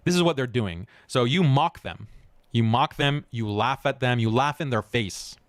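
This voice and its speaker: A man's voice: medium pitch, expressive, moderate pace, no room sound. A man giving live-stream commentary, mocking and scornful, laughing often as he reacts. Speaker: online commentator.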